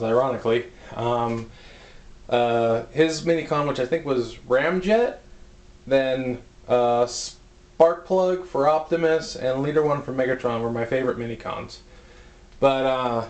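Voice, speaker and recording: A man giving a casual spoken toy review, rambling and halting with many fillers, slightly out of breath as he stands by a camera on a tripod. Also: medium pitch. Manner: rambling, halting, full of "uh" and "you know".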